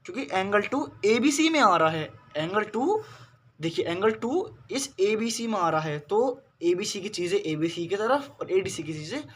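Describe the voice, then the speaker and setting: A man's voice: high-pitched, animated, moderate pace, slightly rough. A man teaching a math lesson to school students, patiently repeating questions and explaining step by step, with English terms spoken in a Hindi accent. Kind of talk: classroom lesson.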